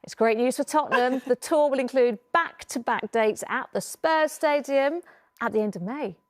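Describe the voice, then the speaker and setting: High-voiced newscaster woman, breezy. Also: normal speed. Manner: teasing, breezy banter. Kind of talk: live news presenting.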